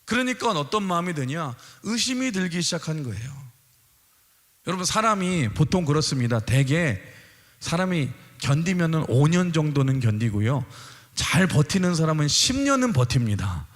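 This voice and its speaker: Male pastor, sermon, high bright voice, long church reverb. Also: big pitch swings, normal speed. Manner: emphatic, addresses the congregation. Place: church sanctuary.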